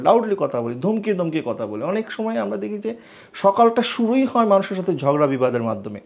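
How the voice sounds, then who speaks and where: A man's voice: a little high, vocal fry, a little mellow. Earnest male preacher, dull lo-fi sound. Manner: earnest, admonishing, with rhetorical questions. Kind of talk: Islamic sermon. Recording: dull lo-fi recording.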